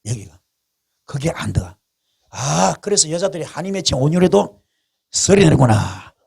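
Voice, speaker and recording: A man preaching a revival sermon with a gravelly, husky voice that rises and falls sharply. He talks in a plain, everyday way and tells stories, repeating his phrases for emphasis. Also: fairly high pitch, moderate pace. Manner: colloquial, animated storytelling with repetition. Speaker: pastor.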